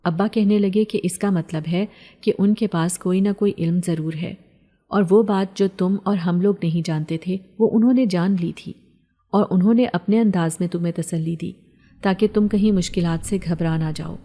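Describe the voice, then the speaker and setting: A woman's voice: on the low side, warm tone. A woman reading as a worried father. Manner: earnest, concerned and reasoning. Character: worried protective middle-aged father. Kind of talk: storybook narration.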